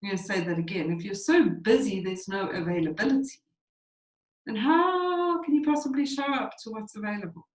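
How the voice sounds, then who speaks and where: A woman's voice: medium pitch, expressive, a little fast, reverberant, poor audio. A woman presenting a spiritual teaching webinar in a reflective way, repeating phrases for emphasis.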